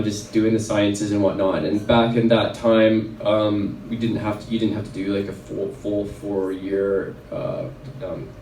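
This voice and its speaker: A man's voice: lowish voice, mellow. Guy in his 40s telling his story at an event, lots of ums, kinda far from the mic, faint room noise. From Red Deer, Alberta, Canada. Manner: casual, rambling, lots of fillers. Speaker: chiropractor speaking at a wellness event. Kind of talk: personal storytelling talk. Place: event venue. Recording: roomy sound from a distant mic.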